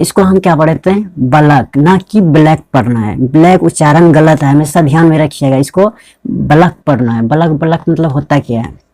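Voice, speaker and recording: A man teaching a pronunciation lesson over a screen recording, asking questions and answering them himself, repeating words slowly. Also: on the high side, warm tone, dry recording. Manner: repetitive, asks and answers his own questions.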